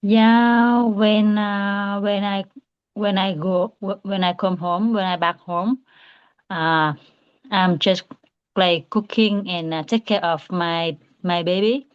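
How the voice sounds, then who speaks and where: Woman in her 30s, slow and halting english, lots of restarts, smooth voice. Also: medium pitch, fairly even intonation, muffled recording. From Vietnam. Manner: hesitant, halting, restarts often. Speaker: student. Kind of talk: English speaking practice.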